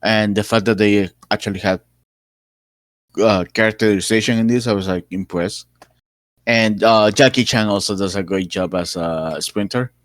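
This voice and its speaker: Podcast cohost guy, lowish voice, dry close sound, rambles with lots of uhs. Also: moderate pace, no room sound. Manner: rambling, many fillers and restarts. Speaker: podcast co-host. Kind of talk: casual chat.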